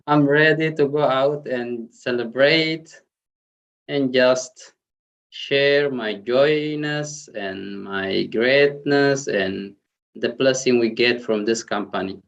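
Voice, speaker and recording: A man from Norway giving a slow, effusive, halting testimonial on a video call. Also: mid-range voice, fairly bright tone, dull audio. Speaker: company member on a webinar. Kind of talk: casual testimonial.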